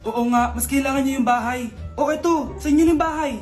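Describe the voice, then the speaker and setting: A woman's voice: high voice, fairly quick, a little mellow, faint music behind, pitched below the performer's own voice, natural voice. A woman voicing a polite mayor handing out money and houses in a storytime video. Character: generous mayor handing out aid. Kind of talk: storytime voice acting over slime video.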